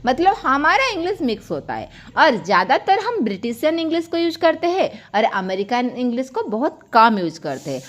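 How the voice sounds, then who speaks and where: Young indian woman teaching english online, high voice that jumps around a lot, chatty explaining. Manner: lively explaining, addresses viewers as children. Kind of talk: online grammar lesson.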